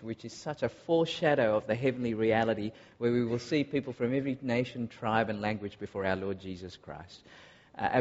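A man from Malaysia preaching a sermon to a congregation, earnest and often pausing on filler uhs. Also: medium pitch. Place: large church hall. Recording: dull recording in a long-echo hall.

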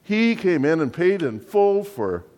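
A man's voice: high-pitched, sing-song, a little slow, a little mellow, big-room sound. A man playing a fussy ancient undertaker-salesman. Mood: salesy, wry. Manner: exasperated, theatrical sales patter. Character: fussy biblical-era male undertaker-salesman. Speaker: comic monologue performer. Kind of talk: comic character monologue.

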